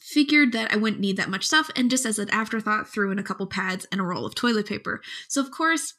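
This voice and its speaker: A woman archaeologist telling a story in casual podcast chat, lively and often laughing. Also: mid-range voice, brisk.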